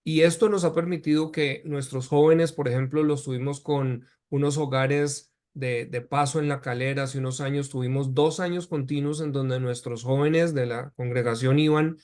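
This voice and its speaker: A man's voice: mid-range voice, steady tone, moderate pace, hardly any pauses, a little mellow. A man, a pastor speaking in an earnest, preaching cadence and asking rhetorical questions on a church talk show.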